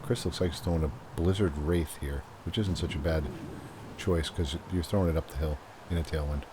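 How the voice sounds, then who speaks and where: A man giving measured, analytical golf-style commentary on a disc golf tournament, explaining shots and holes. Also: very deep voice, noisy background. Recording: music behind the voice. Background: music.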